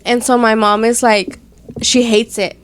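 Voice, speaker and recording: A woman co-hosting a chatty podcast, her voice sitting a little high and recorded dry and close. She talks in an animated way and drops Spanish words into her sentences. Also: unhurried, clear, resonant tone, dry recording. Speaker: podcast co-host. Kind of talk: casual chat.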